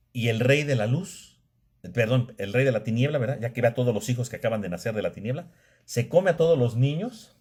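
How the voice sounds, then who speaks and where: A man's voice: mid-range voice, a little mellow. A man giving a casual classroom lecture, often checking in with his listeners and restarting sentences. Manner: conversational, tag questions, frequent restarts. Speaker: theology lecturer.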